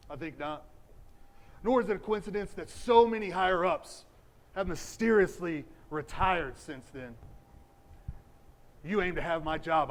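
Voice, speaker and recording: A man plays a domineering old police chief in a stage musical. He speaks in a commanding, scornful way. His voice sits a little high. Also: lightly acted. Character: stern older male police chief, domineering.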